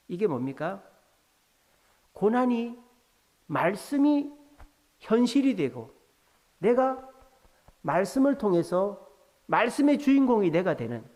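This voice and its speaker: A male pastor preaching a sermon with lively storytelling, acting out the people in his anecdotes. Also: on the high side. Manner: animated, acts out dialogue in storytelling. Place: church sanctuary. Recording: church hall with long reverb.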